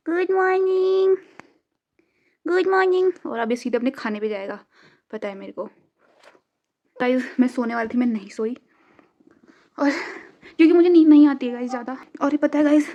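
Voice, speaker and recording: The recording is muffled, and the woman's voice has a darkish tone. She's a young vlogger from India, cooking at home and talking chattily to her audience, teasing herself and calling to her cat in a high, coaxing voice.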